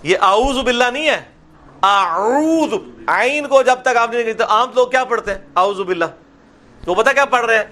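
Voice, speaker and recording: A middle-aged man gives a lesson on recitation in a bright, forceful voice. He explains each sound carefully, then draws the words out slowly for his listeners to repeat, dropping into asides now and then. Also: very high-pitched. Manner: slips into Punjabi asides. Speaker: religious lecturer teaching prayer recitation. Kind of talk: classroom lesson with slow drawn-out recitation.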